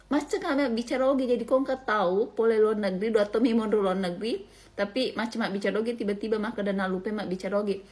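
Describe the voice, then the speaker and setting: Woman from Indonesia, Bugis accent, casual animated monologue, slips between languages, laughs easily. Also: mid-range voice, fast talker. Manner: mixes regional language into chatty talk.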